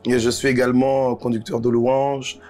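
A man's voice: mid-range voice, level tone, normal speed, a little mellow, soft background music. A man, a trainee pastor, introducing himself as a guest on a TV studio talk show in a hesitant, rambling way. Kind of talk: self-introduction in a studio interview. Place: TV studio set.

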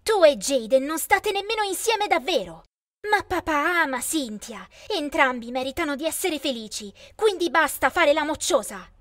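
A woman's voice: sits high, expressive, normal speed, no room sound, studio quality. A woman voicing an annoyed older teenage sister who scolds sharply. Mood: scolding.

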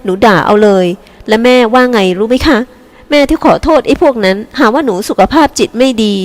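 A woman voicing a resentful teenage girl who speaks slowly and bitterly about her mother, in an audiobook with long reverb. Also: a little high, a little mellow, pitched above the performer's own voice, natural voice. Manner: resentful, cutting, slow and emphatic.

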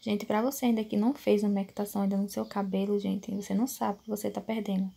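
In her small bedroom at home, a thirty-something Brazilian beauty vlogger talks fans through how she cares for her hair, casual and chatty, with lots of "né" and frequent "gente." She often looks for agreement. Her mid-range voice is husky and mellow with vocal fry, delivered flatly at a quick pace.

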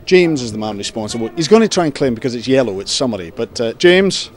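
A man's voice: medium pitch, very animated. Guy doing a chatty newsroom vlog, teasing his coworkers, lots of ums, handheld camera. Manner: teasing, chatty, halting with fillers. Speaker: video blog host. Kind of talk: casual newsroom video blog. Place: busy television newsroom.

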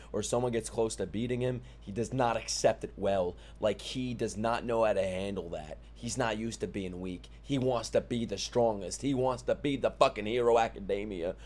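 A man, giving excitable, sweary, casual reaction commentary into a close desk mic. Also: on the low side. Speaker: reaction video host. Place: small furnished room indoors. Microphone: close desk mic on boom arm.

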